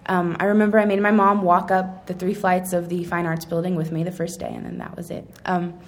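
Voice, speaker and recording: A woman's voice: fairly low pitch, flat delivery, fairly quick. A young woman telling a casual personal story about her schooling, rambling and correcting herself with frequent ums. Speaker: speaker recounting her schooling.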